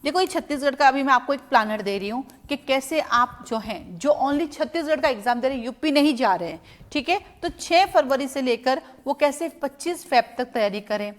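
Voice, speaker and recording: A woman's voice: sits high, expressive, moderate pace. A middle-aged woman from India, a law exam coaching teacher, giving students direct, motherly strategy advice. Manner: addresses students as "beta", direct advising tone.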